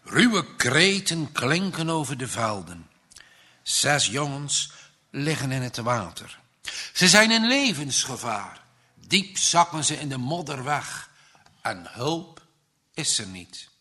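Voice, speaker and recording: A man tells a moral children's story in a slow, dramatic way, his husky voice rising to bright, forceful peaks and dropping to a hush. His pitch sits fairly high for a man and moves in wide, animated sweeps. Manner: dramatic, with sudden swells and hushes.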